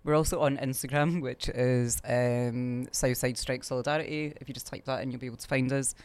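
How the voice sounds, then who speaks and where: A man's voice: medium pitch, steady tone, a little fast, clear, resonant tone. A man, talking casually as a community organiser, rambling with lots of fillers. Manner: rambling, many fillers and restarts. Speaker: strike solidarity group organiser. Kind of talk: casual interview talk.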